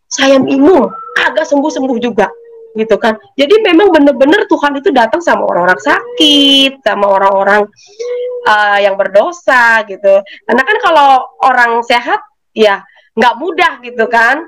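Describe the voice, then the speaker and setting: Animated woman with speech. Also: sits high, normal speed, poor audio. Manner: animated storytelling, acting out quoted voices. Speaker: testimony giver. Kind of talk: personal faith testimony.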